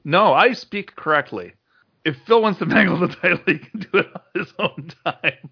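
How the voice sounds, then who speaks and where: A man co-hosts a podcast in a high, creaky voice. His casual banter is slow-paced and animated, heard on a dull recording. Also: a little hiss or hum. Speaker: podcast co-host. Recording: dull, lo-fi audio.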